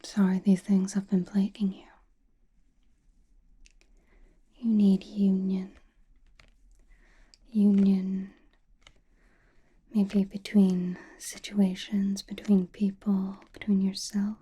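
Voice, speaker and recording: A woman acts out a mysterious witch fortune teller in a soothing ASMR roleplay. She whispers in a very breathy, husky voice, calm and knowing. Her delivery stays slow and deliberate, with little rise or fall. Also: mid-range voice. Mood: soothing, intent.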